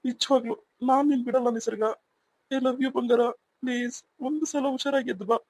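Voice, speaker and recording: A woman's voice: sits high, steady tone, moderate pace, darkish tone, no room sound, poor audio. A woman voicing a young husband in a cartoon who anxiously pleads with his wife in the hospital. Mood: tender. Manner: pleading, urgent. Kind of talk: cartoon voice acting.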